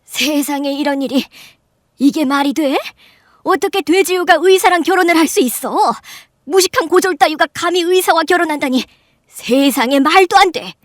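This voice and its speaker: A shrill, high-voiced middle-aged aunt in a radio drama, mocking and loud. Her voice jumps up in scornful disbelief. The studio sound is dry and close. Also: expressive, normal speed, no room sound. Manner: sneering, loud and incredulous, high-pitched outbursts. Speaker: voice actor. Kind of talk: Korean radio drama acting.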